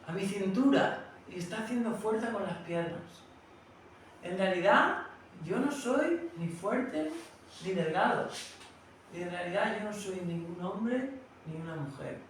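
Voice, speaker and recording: Calm detached sage, voiced by a man, high voice, far off with strong echo. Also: slight background noise. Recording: very echoey room, distant mic.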